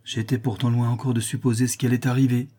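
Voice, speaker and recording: A man narrating an audiobook in a measured, dramatic storytelling manner. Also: mid-range voice, little pitch movement, warm tone.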